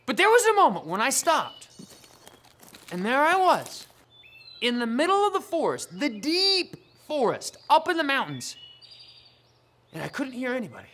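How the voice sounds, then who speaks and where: A young woman teaching a children's church lesson, telling stories in a playful, animated way. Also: high voice, moderate pace, long pauses, a little hiss or hum. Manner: animated, playful storyteller with shouted sound effects. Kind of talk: lively kids' Bible lesson.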